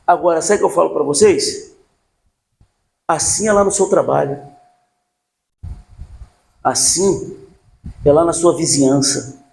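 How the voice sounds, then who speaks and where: A man's voice: a little high, unhurried, gravelly, long pauses. An older man preaching a sermon as pastor, asking the congregation questions and telling stories from his life. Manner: rhetorical questions to the congregation, animated storytelling.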